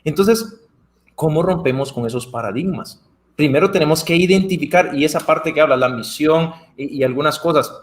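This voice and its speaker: A man's voice: on the high side, fairly quick. A Guatemalan man speaking as a guest on a video call, chatting casually and acting out the voices of the people he quotes. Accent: Guatemalan Spanish. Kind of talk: conversational talk on a video call.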